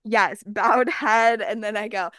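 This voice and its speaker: A young woman from Texas tells stories on a podcast, jumping into little acted-out quotes and leaning on fillers. Her voice is smooth and resonant, recorded close and dry. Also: medium pitch, slow pace, dry recording. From Austin, Texas. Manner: animated storyteller, acts out quotes, many fillers. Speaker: podcast co-host. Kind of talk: casual chat, storytelling.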